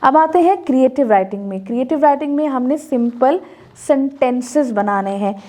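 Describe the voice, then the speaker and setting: Woman teacher, slightly high voice, methodical video-lesson delivery. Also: lively intonation, moderate pace, dark tone. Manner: methodical, walks through answers item by item in Urdu mixed with English. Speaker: English teacher. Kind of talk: recorded video lesson explaining textbook exercises.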